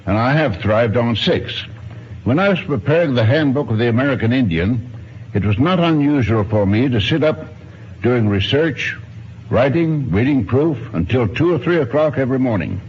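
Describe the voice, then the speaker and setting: Heard through the hiss and muffle of a 1950s radio broadcast, this guest is a man in his nineties, an archaeologist and ethnologist. His animated, medium-pitched voice is a little mellow and moves at a normal speed. His answers are precise, formal and old-fashioned in wording.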